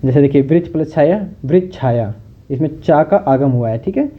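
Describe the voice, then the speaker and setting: A man's voice: fairly high pitch, expressive, fairly quick. A male teacher giving a recorded lecture, explaining patiently and checking in with the listener again and again. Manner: explains patiently, often adds "theek hai". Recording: tinny phone-like sound.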